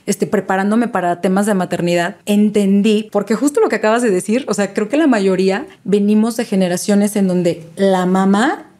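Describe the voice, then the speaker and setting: A woman's voice: mid-range voice, normal speed, mellow. A woman, a guest speaking as a maternity and grief specialist in a casual interview, earnest and repeating key phrases for emphasis.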